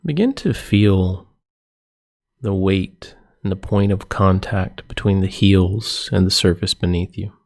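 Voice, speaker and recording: A yoga nidra teacher with a low-sitting voice leads a guided meditation. He offers gentle, soothing instructions slowly, pausing between phrases.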